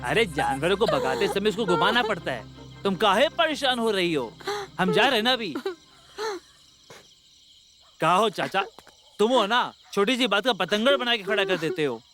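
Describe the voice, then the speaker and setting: An actor playing a young village husband, teasing and fond, then urgent when trouble comes. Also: male voice, sits high, expressive, normal speed, long pauses, sharp tone, faint music behind. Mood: worried. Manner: teasing, repeats filler tags. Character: doting young village husband, protective son. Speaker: young husband, elder son.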